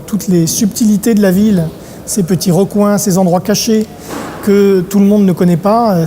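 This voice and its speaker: A middle-aged man from Paris, an event organizer talking in an interview, pausing often on filler sounds. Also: sits high, dark tone, slight background noise. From Paris, France. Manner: hesitant, many filler sounds. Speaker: congress organizer. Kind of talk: interview monologue.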